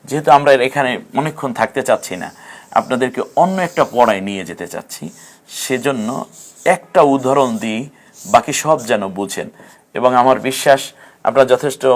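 A man teaching Quran letter sounds in a patient lesson, repeating each sound slowly. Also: medium pitch. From Bangladesh. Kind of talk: explanatory lesson.

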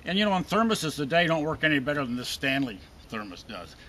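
An older man chats in a folksy, dry-joking way as he shows off old gear. His voice is a little higher than most and clear and bright, caught outdoors by a camera some feet away with faint open-air ambience behind him. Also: very animated, fast talker, slight background noise. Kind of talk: casual show-and-tell chat. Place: outdoors in a wooded park.

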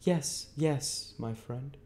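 Here a man reading aloud plays a stern, middle-aged lawyer who always knows better, treating each question like cross-examination in a clipped, emphatic way. The voice is pitched above the performer's own, loud and insistent yet mellow and dark underneath, at medium pitch and extremely slow. He sounds like he is lecturing.

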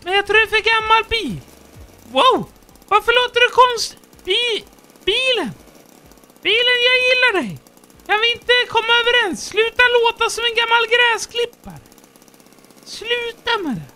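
Squeaky childlike game character, fussy, chatty, rambling, very high and bright voice. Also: male voice, very animated, full character voice. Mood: chattering. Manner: silly rambling running commentary. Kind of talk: in-character gameplay commentary.

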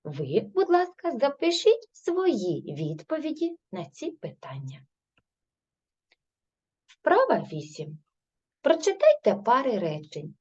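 Ukrainian woman, primary teacher, slow and patient, husky mellow voice, lively pitch, dull lo-fi recording. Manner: slow, patient questioning and answering herself. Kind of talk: recorded grade-three language lesson.

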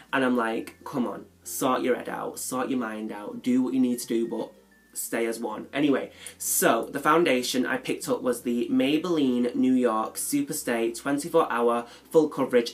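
Guy with a cold, all stuffed up and nasal, rambly makeup vlog chat, mid-pitched voice. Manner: chatty, rambling, self-deprecating. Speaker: beauty vlogger. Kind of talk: casual chat.

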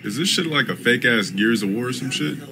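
A man's voice: medium pitch, lively intonation, brisk, vocal fry, noisy background. A man livestreaming games with casual, blunt, dismissive talk full of slang and swearing. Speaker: video game livestreamer. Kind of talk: casual livestream chat with heavy profanity.

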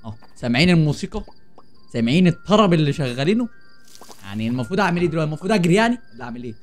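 Soft music plays beneath a young man's slightly high, very fast voice, which swings widely in pitch. He hosts a gaming channel and speaks with an Egyptian Arabic accent, joking, startling easily, and talking to viewers as he plays a horror game.

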